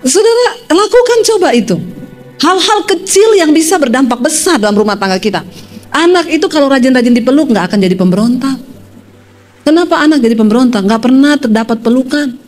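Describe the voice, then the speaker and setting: Woman pastor preaching, funny and lively, tells stories, faint music behind. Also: high voice, brisk. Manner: animated, humorous, addresses the congregation. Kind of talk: sermon with storytelling.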